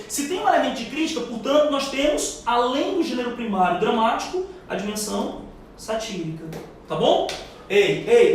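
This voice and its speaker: A male teacher with a Brazilian Portuguese accent running a live exam-prep class, quizzing the room in an emphatic, slangy way. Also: very high-pitched. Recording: echoey room, far mic, faint noise.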